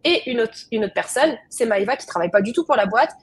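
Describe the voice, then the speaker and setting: A woman's voice: on the high side, animated, quick pace, slightly rough. A young woman presenting a webinar as a trainer, explaining in a conversational way and speaking straight to her audience over a video call.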